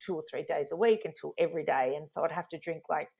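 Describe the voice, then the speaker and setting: Gravelly-voiced Australian woman telling a story. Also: deep voice, quick pace, a little mellow. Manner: candid and emotional, acting out remembered arguments. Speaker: guest. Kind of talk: personal storytelling in conversation. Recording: dull lo-fi sound.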